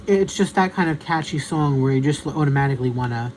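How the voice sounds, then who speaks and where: A man's voice: on the high side, fast talker, darkish tone, slight background noise, rough recording. A man, a YouTube creator, chatting casually about songs in a rambling, self-deprecating way.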